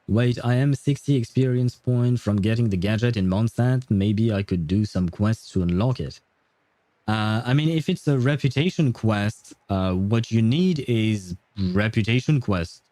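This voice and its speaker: A man's voice: lowish voice, measured pace, warm tone, no room sound. A man hosting a casual gaming livestream, chatting with viewers in a rambling, hesitant way. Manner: hesitant, rambling, chuckling often. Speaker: livestream host.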